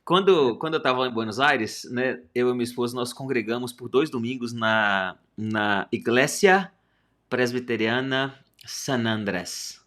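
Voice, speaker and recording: Man telling an animated anecdote. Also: mid-range voice, unhurried. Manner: animated anecdote with self-corrections. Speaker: podcast co-host. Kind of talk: casual storytelling chat.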